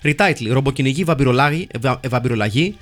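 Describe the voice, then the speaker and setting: A man hosting a comedy show, reading listener film reviews in a wry, mock-solemn deadpan. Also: medium pitch, soft background music. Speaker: host reading listener comments.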